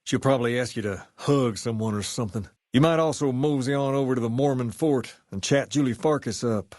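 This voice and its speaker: An actor playing a swaggering, folksy gang boss in a video game, with a laid-back Southern US drawl. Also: male voice, mid-range voice, a little fast, darkish tone, no echo, clean studio sound, close to an everyday voice. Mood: laid-back, confident. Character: swaggering, folksy gang boss who idolizes a rock-and-roll singer. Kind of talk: video game character dialogue.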